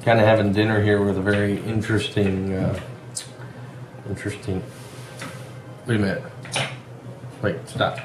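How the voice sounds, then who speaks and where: A man vlogging at the dinner table at home, chatting playfully with his child in a teasing way, with hesitant fillers. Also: on the low side. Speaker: vlogger and father. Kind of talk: casual home vlog chat. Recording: roomy echo with light background noise.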